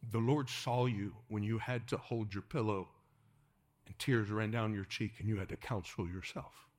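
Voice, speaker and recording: A man preaching a sermon to a congregation in a church, dropping to hushed whispers and rising to urgent calls, and leading the room in call-and-response. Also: fairly low pitch, fairly even intonation, normal speed. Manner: swings from hushed whispers to raised exhortation, calls the congregation to repeat. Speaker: pastor.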